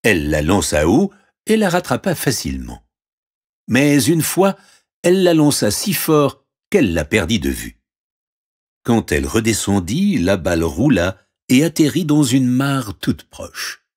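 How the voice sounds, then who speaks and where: A man reading a fairy tale aloud, expressive and playing every character. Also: medium pitch, unhurried, breathy edge. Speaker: storyteller. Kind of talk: storybook reading.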